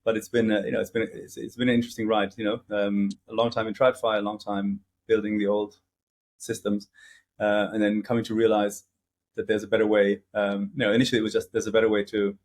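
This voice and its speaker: Low-voiced man, hesitant interview guest. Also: little pitch movement, fast talker, darkish tone. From grew up in several countries. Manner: hesitant, many fillers and restarts. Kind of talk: casual interview conversation.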